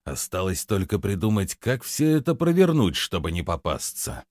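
A man's voice: deep voice, wildly swooping pitch, normal speed, darkish tone, dry recording, studio quality, heavily acted. A man voicing a greedy, brutal bandit in an audiobook, growling threats and barking orders. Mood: muttering. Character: greedy brutal male bandit, middle-aged, snarling. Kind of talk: audiobook character reading.

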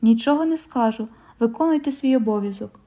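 A woman's voice: fairly high pitch, brisk, mellow, close to an everyday voice. A woman voicing a haughty, cornered male government minister who speaks with indignation. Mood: indignant.

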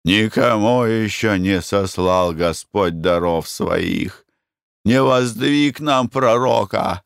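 A man reading the part of an old sailor in a religious sect, pleading slowly and plaintively. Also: lowish voice, gravelly, smooth, no room sound, studio quality.

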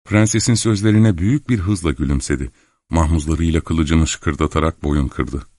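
A man calmly narrating a literary novel in the first person as an audiobook reader. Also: rumbling low, no echo, clean studio sound. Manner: calm, measured storytelling.

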